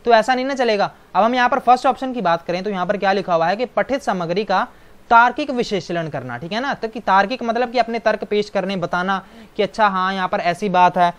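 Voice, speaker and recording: A man's voice: sits high, a little fast, a bit bright, smooth. Male teacher explaining questions. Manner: explanatory, keeps adding "right?" tag questions. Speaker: exam-prep teacher. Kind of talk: online exam-prep lecture.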